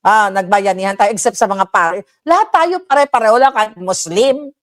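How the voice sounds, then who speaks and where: A woman's voice: medium pitch, animated, moderate pace. A woman giving heated reaction commentary, ranting with frequent profanity and switching into English. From Philippines.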